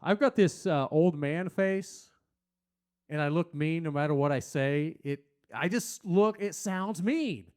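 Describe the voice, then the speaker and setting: With a slightly high, smooth voice and an unhurried delivery, a man does a crude, meandering comedy set on a small stage. He chats with the crowd and breaks into loud, silly voices for quotes.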